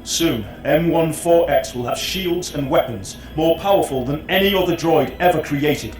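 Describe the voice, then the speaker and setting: A man plays a pompous imperial officer in a video game, pitched on the high side. He is formal, disdainful and bitter. His voice rings in a roomy space over faint music. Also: moderate pace, darkish tone, lightly acted. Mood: bitter, grudging.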